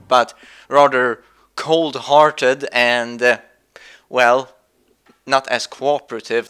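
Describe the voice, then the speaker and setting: A man's voice: mid-range voice, bright, forceful tone. A man with a Swedish accent, a native Swedish speaker, rambling through news commentary with many fillers and restarts. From Sweden. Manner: meandering, full of fillers and restarts.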